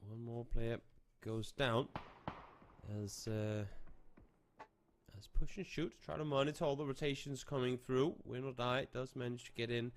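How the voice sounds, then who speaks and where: A man calling live esports play-by-play in a steady way, lifting his energy when action breaks out. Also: mid-range voice, a little slow, pauses often, slight background noise. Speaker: esports caster.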